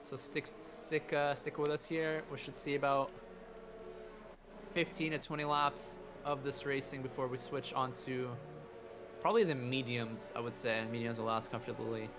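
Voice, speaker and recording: A man's voice: medium pitch, level tone, normal speed, noisy background. A man doing live motorsport race commentary, narrating the action play by play.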